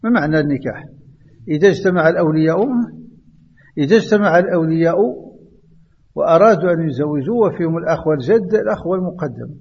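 Moroccan teacher lecturing in echoey hall. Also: male voice, fairly high pitch, fast, long pauses, slightly rough, highs cut off. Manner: questioning students, quoting verse, many restarts. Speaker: Islamic law teacher. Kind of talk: classroom lesson on inheritance law.

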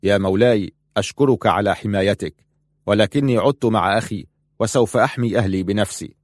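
A man's voice: on the low side, brisk, no echo, studio quality, close to an everyday voice. Man doing defiant young hero Ibrahim. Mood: firm. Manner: firm and resolute. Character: young Egyptian man, defiant, protective, firm.

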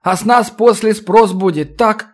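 A man's voice: high voice, measured pace, voice pushed up. A man voicing a frightened, sniffling teenage boy from a swamp village who speaks in rustic folk dialect. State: tearful, sniffling.

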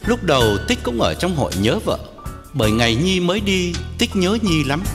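Male storyteller with guitar backing. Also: normal speed. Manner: expressive storytelling, wide pitch swings. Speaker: audiobook narrator. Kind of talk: scripted story narration. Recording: long hall reverb, guitar music behind.

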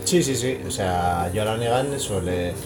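Man, 40s, Spain accent, podcast guest; emphatic and profane, low pitch, clear music bed behind. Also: normal speed. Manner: emphatic, swears freely. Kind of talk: casual music chat.

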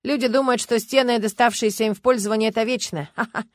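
A woman reading an audiobook, voicing a gloomy, bitter middle-aged man who bursts out loudly and sardonically. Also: fairly high pitch, steady tone, fast, dry recording, lightly acted. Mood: sardonic. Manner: agitated, loud, sardonic outbursts.

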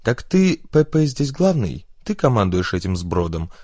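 A man voicing an unflappable male gangster who talks in a calm, everyday tone. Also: fairly low pitch, unhurried, breathy edge, no room sound, clean studio sound, heavily acted. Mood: calm cocky.

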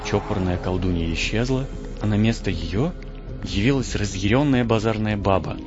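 A man narrating an audiobook in the first person, telling the story in a lively, theatrical way. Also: fairly low pitch, moderate pace. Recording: dull lo-fi audio with strong background music.

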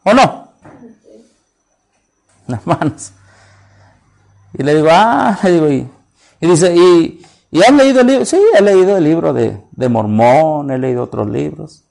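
Gravelly-voiced man preaching with animated storytelling. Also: fairly high pitch, slow, long pauses. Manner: animated storytelling, acts out both sides of conversations. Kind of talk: sermon with retold dialogue.

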